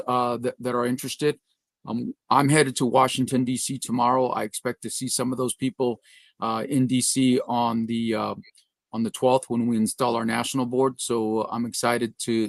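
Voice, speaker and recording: A man's voice: medium pitch, no room sound. A man leading a trade organization, speaking in a matter-of-fact, upbeat way in a casual conversation.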